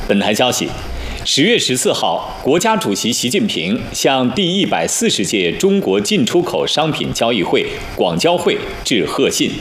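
A man's voice: mid-range voice, very animated, moderate pace, fairly bright tone, reverberant, a little hiss or hum. A man reading a scripted national newscast as a formal news anchor in standard mainland Mandarin.

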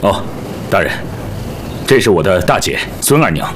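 An actor playing an upright, reserved warrior in a costume drama, speaking politely, earnestly and with hesitation. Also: male voice, sits low, big pitch swings, moderate pace, slight background noise. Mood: flustered. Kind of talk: Chinese costume television drama acting. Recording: loud music over dialogue.

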